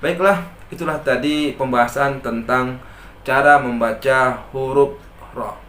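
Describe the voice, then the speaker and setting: A man's voice: mid-range voice, steady tone, fairly bright tone. Man teaching recitation in an echoey room. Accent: Indonesian. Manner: patient, repeats each example slowly, contrasts wrong and right readings. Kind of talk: tajweed lesson with recited examples. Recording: echoey room with faint noise.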